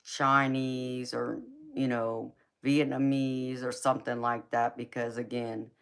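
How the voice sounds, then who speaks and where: Her voice is very deep, clear, and resonant, delivered flatly and slowly. She's a young Southern tarot reader running a relaxed livestream, laughing a lot and responding to viewer comments.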